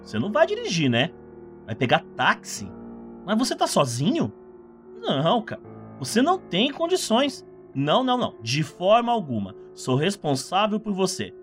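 An actor playing a sadistic dentist in a horror audio story, falsely reassuring and gleefully menacing. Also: male voice, high voice, wildly swooping pitch, moderate pace, soft background music. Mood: insistent.

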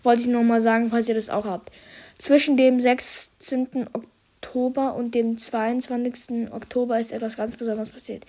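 A young podcast host, nose blocked by a mild cold, runs through a casual year-in-review and reads out statistics in youthful slang. His delivery is flat at a moderate pace, with a medium-pitched, mellow voice.

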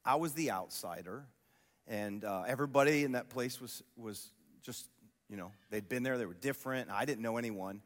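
A man's voice: medium pitch, normal speed. A man in his forties from Columbus preaching a sermon, telling stories animatedly and throwing rhetorical questions to the audience. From Columbus, Ohio. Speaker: pastor. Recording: long hall reverb.

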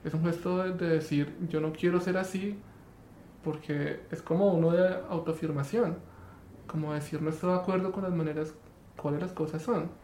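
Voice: medium pitch, steady tone, moderate pace, darkish tone. An interviewer in a casual conversation, offering thoughtful reflections between short murmurs of agreement. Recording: echoey room with faint background noise.

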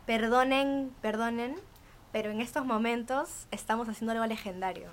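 A woman hosting a casual podcast chat in an informal, excitable way, with a squeaky, squirrel-like voice. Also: normal speed. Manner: informal, excitable, laughs often. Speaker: podcast host. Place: outdoor home terrace. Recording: noisy outdoor terrace ambience.

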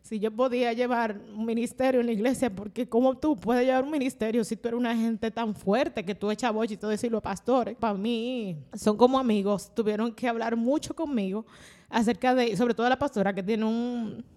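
Animated Dominican woman, fairly high voice. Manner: animated, laughs often, slows down when reflective. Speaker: podcast guest. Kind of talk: casual faith-based podcast chat.

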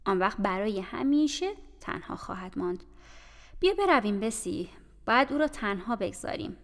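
A woman's voice: mid-range voice, animated, natural voice. A woman doing a cold, scolding maid. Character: stern, disapproving household maid, woman. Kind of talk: audiobook character voice. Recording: reverberant room with faint music.

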